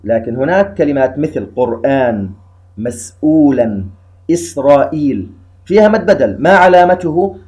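A man teaching a lesson on recitation rules, explaining each step slowly and chanting the verses he cites. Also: fairly high pitch, expressive, a little mellow.

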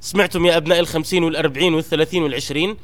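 Fast-talking high-voiced man exhorting. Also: fairly even intonation. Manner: earnest, exhorting, rising emphatically at key points. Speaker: Quran memorization program teacher. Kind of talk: recorded exhortation to students.

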